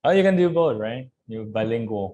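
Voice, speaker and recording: A man's voice: medium pitch, animated, quick pace, darkish tone. A man with a Thai accent leading an online training session, chatting informally and switching between Thai and English.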